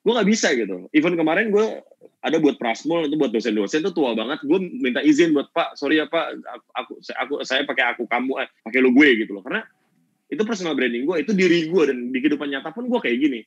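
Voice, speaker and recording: A man giving a workshop talk in casual slang. He is fiery and energetic, moving between loud and soft speech, and he is heard over a video call. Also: fairly high pitch, fast, breathy edge, no room sound, lo-fi sound. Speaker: workshop speaker.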